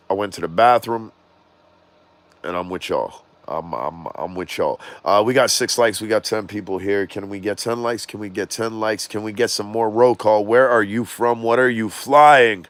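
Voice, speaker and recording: A man hosting a casual drone livestream, slightly raspy and congested from the cold, talking loosely and animatedly to his viewers outdoors. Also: fairly low pitch, dry recording. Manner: loose, rambling, animated, jokes and reads chat aloud.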